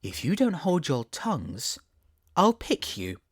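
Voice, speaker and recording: A polite, timid little girl, voiced by a storyteller with a lifted, soft voice. She asks questions gently and curiously, her tone rising and falling. Storybook reading. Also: mid-range voice, huge pitch swings, slow pace, breathy edge, pitched above the performer's own voice, heavily acted.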